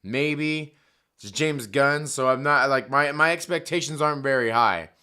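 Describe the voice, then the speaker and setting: With a medium-pitched voice that's bright and forceful, this live-stream host takes an unhurried pace despite his hoarseness. He jokes, curses casually and reads the chat aloud.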